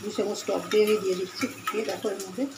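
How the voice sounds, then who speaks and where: A woman's voice: medium pitch, steady tone, racing. A woman hosting a home cooking video, chatting through each step as she cooks in her kitchen. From Bengal. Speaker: home cooking channel host. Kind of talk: casual cooking demonstration. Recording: echoey kitchen with loud cooking noise.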